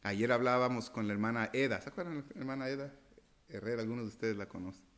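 A man in the role of pastor delivers a sermon to his congregation. His voice sits at an ordinary middle pitch. He swings between raised, insistent questions and soft, almost whispered lines. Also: quick pace. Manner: preaches with rhetorical questions, swinging from loud to hushed.

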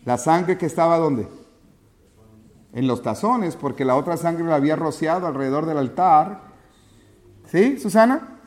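A man's voice: a little high, darkish tone. A man teaching a Bible class to children, asking patient questions and calling on pupils by name. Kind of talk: interactive Bible lesson with children.

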